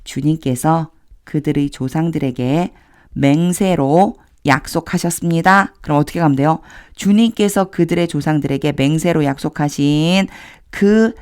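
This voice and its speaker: A woman with a low, slightly mellow voice gives a step-by-step English Bible reading lesson, phrase by phrase. She patiently explains the grammar and reads each English line slowly and clearly. Her manner is conversational, and she uses casual pointing words as she marks up a text.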